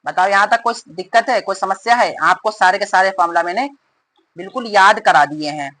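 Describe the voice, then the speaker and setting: A male math teacher explaining formulas in a rapid, repetitive way and calling his students "beta". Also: high-pitched, bright, forceful tone, rough recording. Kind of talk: fast classroom explanation.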